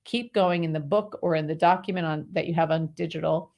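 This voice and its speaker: A woman guest on an interview show explains her method and tells stories in a lively, breezy way. Her voice sits a little low for a woman. She speaks casually and leans on fillers as she talks. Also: a little fast, gravelly. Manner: animated, breezy storyteller using many fillers like "like" and "right". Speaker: clarity coach guest. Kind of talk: interview conversation, giving advice.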